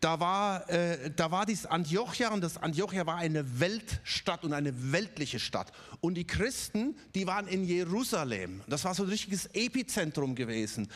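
A man's voice: high-pitched, animated, moderate pace, hardly any pauses, fairly bright tone. A man from the Stuttgart region preaching a conversational sermon, with many fillers and little tag questions. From Ludwigsburg area, Germany.

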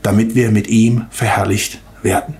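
A man's voice: fairly low pitch, level tone, normal speed, darkish tone, a little hiss or hum. An older man preaching a sermon and leading a prayer, fervent and emphatic, speaking straight to his listeners and often repeating words. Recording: echoey room.

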